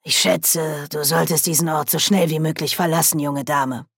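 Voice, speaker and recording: A woman's voice: deep voice, fairly even intonation, moderate pace, vocal fry, husky, no echo, studio quality, exaggerated voice. A woman reading an audiobook, voicing a stern, proud old witch in a curt, commanding way. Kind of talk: audiobook character voice.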